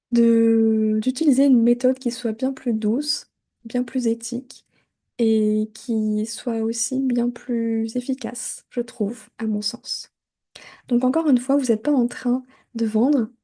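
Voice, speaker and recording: A middle-aged woman hosting a solo podcast, talking in a chatty, animated way full of asides and fillers. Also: fairly high pitch. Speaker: podcast host. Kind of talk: casual solo podcast talk.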